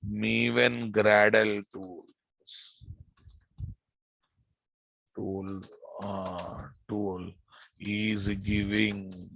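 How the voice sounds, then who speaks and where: Slow, bright-voiced Telugu-accented man teaching. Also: on the low side, flat delivery, vocal fry, dry recording, low-quality recording. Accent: Telugu Indian. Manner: repeats phrases, quizzes listeners with frequent questions. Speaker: programming instructor teaching a live class. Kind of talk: informal technical lecture.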